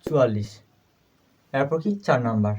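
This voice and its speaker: A man teaching a primary school math lesson, asking questions and answering them himself, repeating each number slowly as he writes. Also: medium pitch, a little mellow, highs cut off, slight background noise. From Bangladesh.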